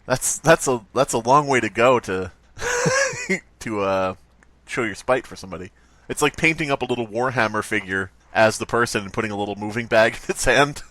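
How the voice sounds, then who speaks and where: The male comedy podcast host has a mid-range, sing-song voice that is pushed and bright, at normal speed with no room sound. He reads stories and riffs loosely on bits, cracking jokes and cursing casually.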